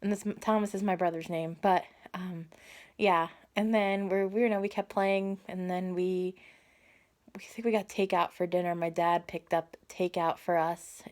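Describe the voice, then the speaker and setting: A woman's voice: fairly low pitch, flat delivery, normal speed, a little mellow. A woman telling a casual storytime vlog into a phone camera, rambling and correcting herself as she goes. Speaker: vlogger.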